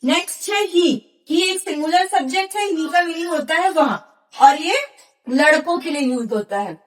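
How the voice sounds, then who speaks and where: A woman's voice: extremely high pitch, moderate pace. A woman teaching a grammar lesson, explaining patiently and spelling out examples one by one.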